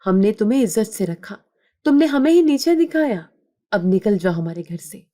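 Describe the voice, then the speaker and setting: A woman voicing a harsh, commanding older mother-in-law in a spoken story, scolding in a sharp tone. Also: mid-range voice, animated, natural voice. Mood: angry.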